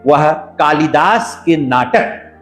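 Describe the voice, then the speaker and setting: A man speaking as a podcast guest, explaining in a measured, lecturing way and building his points in lists. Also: a little high, fairly bright tone. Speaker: guest scholar. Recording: roomy echo, faint background music.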